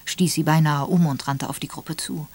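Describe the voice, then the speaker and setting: A woman reading a crime novel aloud in calm scripted narration. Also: sits low, moderate pace. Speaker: audiobook reader.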